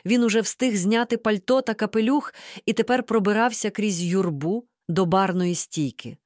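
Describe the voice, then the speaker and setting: A woman reading a story aloud in the first person, with lively, expressive narration into a close mic. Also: mid-range voice, normal speed, no room sound. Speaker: audiobook reader.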